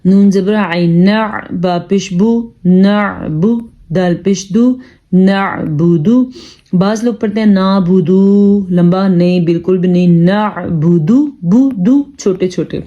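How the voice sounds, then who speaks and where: A woman with a mellow, warm voice teaches Quran reading in a calm, instructive tone. She explains the rules at a brisk pace, then spells out syllables slowly and carefully. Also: on the low side, highs cut off. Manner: calm instructive tone, addresses listeners as "janab". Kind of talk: tajweed lesson, spelling out syllables.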